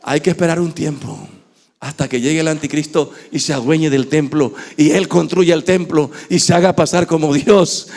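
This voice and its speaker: A man with an Ecuadorian Spanish accent preaching a sermon in a church, swinging from shouting to hushed tones. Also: a little high, moderate pace, gravelly. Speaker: pastor.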